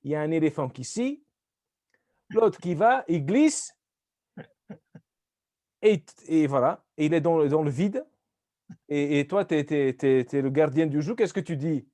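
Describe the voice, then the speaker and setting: A man from Portugal trading jokes in easygoing comedic chat, his voice mellow and soft in tone though pitched a little high. He rambles from riff to riff in loose, playful bursts. The sound is close and dry. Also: animated, measured pace, long pauses, dry recording. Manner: loose, rambling, jokey riffs with bursts of mock accents.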